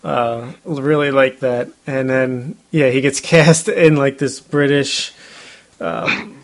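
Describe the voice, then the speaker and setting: A man's voice: medium pitch, fairly even intonation, slow pace. A man casually discussing a movie with a friend, chatty, with frequent laughs and fillers. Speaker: movie review co-host.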